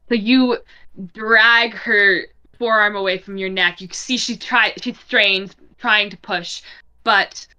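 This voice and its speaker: A young woman leads a tabletop game, her voice bright and clear at a middle pitch. She narrates scenes in a relaxed, descriptive way, filling pauses with ums. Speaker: dungeon master.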